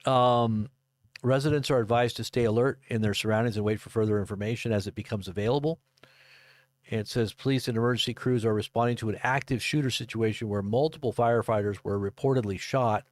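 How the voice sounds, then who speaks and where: A man in his fifties giving casual live commentary and reading news reports aloud, halting and rambling as he goes. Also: fairly low pitch, darkish tone, no room sound. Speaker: livestream commentator. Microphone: close desk microphone.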